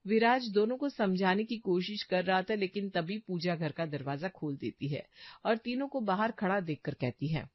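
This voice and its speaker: Cartoon story narrator, woman, even delivery, dry close audio. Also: medium pitch, moderate pace, dry recording, muffled recording.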